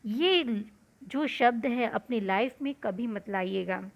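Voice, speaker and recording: Fairly high-voiced woman teacher explaining. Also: animated, slow pace, gravelly, highs cut off. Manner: explanatory, repeats and glosses words, talks to students. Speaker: school teacher. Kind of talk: explaining a literature lesson.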